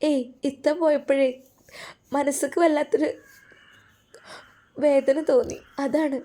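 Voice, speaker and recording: A woman doing a timid high-voiced young wife. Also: moderate pace, warm tone, natural voice. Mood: tearful. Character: shy tender-hearted young wife.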